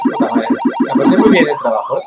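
Swearing, excitable Peruvian man gaming. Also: on the high side, very fast, highs cut off, heavy background noise. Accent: Peruvian Spanish. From Peru. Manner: excitable, swears constantly, jumps between storytelling and outbursts. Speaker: gaming video host. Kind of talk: casual gameplay commentary. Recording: echoey room under loud music.

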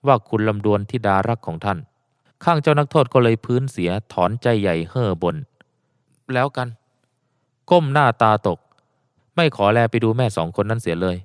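A man narrating an audiobook in a steady storytelling cadence, close to the mic. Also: mid-range voice, normal speed, pauses often, smooth, no echo.

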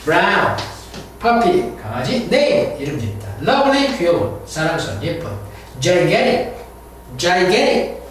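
Rich: A man teaching English vocabulary, his voice high and swinging widely in pitch as he repeats each word for drilling. The recording is very echoey and distant, with a faint hiss. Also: slow. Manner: drills words by repeating them, animated teacherly delivery. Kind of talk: recorded vocabulary and pronunciation lesson.

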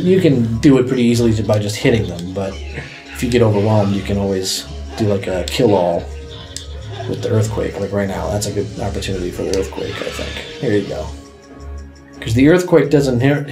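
A man's voice: fairly low pitch, expressive, fairly quick, music in the background. A young man giving laid-back, casual commentary on a video game, swearing now and then and telling the player where to go. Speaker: let's play host.

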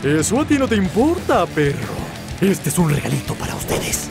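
A man voicing a menacing, taunting skeleton henchman in an animated horror parody. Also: on the high side, normal speed, gravelly, exaggerated voice. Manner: taunting, commanding. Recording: loud music behind.

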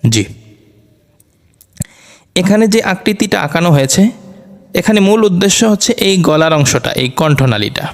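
A man teaching Quran letter pronunciation, explaining slowly and repeating each Arabic letter over and over for practice. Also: high-pitched, animated. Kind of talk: slow explanatory lesson with drilled letter sounds. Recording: long reverberant room echo.

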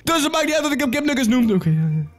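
A man with a high, bouncy, very animated voice, yelling and coaxing his way through a game. His voice sounds strained and worn from shouting, and faint music plays behind him. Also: rapid-fire. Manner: excitable, cheers on and shouts commands at an on-screen chicken. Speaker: gaming YouTuber. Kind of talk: gaming commentary.

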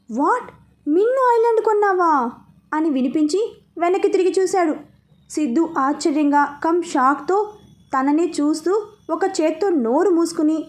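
A woman narrating a serialized story in a lively, expressive reading. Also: sits high.

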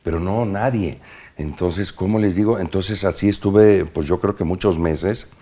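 A man with a Mexican accent and an extremely deep, low-pitched voice speaks as a guest in a relaxed interview. He is an actor who recounts his past in lively anecdotes, peppering them with slang and punchy sound words. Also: unhurried. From Mexico, Veracruz. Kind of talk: casual interview storytelling.

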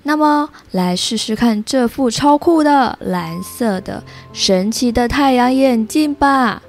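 A woman voicing a caring, helpful cat from a storybook, read slowly to a toddler. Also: a little high, soft background music. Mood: encouraging.

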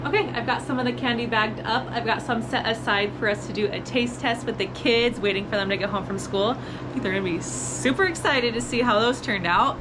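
A woman's voice: on the high side, brisk, noisy background. A woman in her thirties hosting a casual home vlog, talking to camera in an upbeat, chatty way from her kitchen. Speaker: vlogger, host of a home freeze-drying channel.

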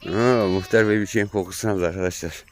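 Deep-voiced shepherd narrating outdoors. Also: male voice, normal speed. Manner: calm running commentary addressed to viewers. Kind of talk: casual vlog narration while herding. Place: outdoor hillside pasture under overcast sky. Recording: outdoor noise with bleating sheep.

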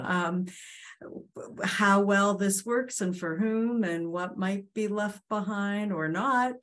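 A woman moderating a lecture Q&A, chatty and apologetic, with many fillers as she relays audience questions. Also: on the low side.

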